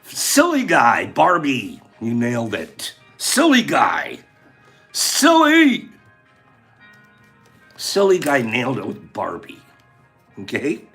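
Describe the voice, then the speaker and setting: Animated male livestream host. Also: mid-range voice, takes it slowly, pauses often, faint music behind. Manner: animated, chatty, reading out viewer names. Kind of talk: casual livestream chat.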